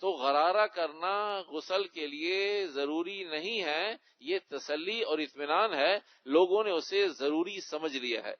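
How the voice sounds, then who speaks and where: A man, an Islamic scholar, lays out religious rulings for an audience in a Q&A lecture, repeating key words to drive them home. His voice sits a little high. The recording is dull and lo-fi. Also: few pauses. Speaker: Islamic scholar answering questions.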